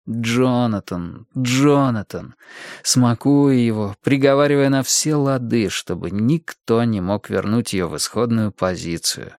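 A man's voice: medium pitch, a little mellow, no echo. Man narrating an audiobook, dry studio. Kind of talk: scripted narration.

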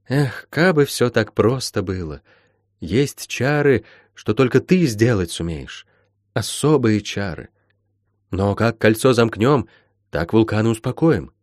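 A man's voice: mid-range voice, darkish tone, no room sound, clean studio sound, close to an everyday voice. A man voicing a stern middle-aged woman healer who talks in old-fashioned folksy speech, in an audiobook. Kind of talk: audiobook character voice.

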